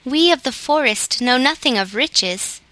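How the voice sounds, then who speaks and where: A woman voicing a tender forest nymph in a storybook, speaking calmly. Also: high voice, a little slow, no room sound, heavily acted, rough recording. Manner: calm, tender.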